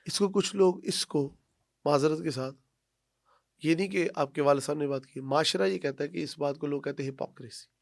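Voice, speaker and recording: A man with a gravelly, slightly high voice takes the interviewer's seat in a conversational discussion. He challenges the speaker's claims and presses for his reasons. The sound is dry and close to the mic. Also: dry recording. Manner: challenging, pushes back on points.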